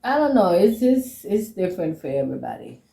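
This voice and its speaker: This woman in her forties has a low, dark voice and a Belizean Kriol accent. She chats in a casual, reflective way, restating her points for emphasis. Her voice rings a little in an echoey room. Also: big pitch swings, brisk, gravelly. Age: 40s. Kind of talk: casual sisterly chat.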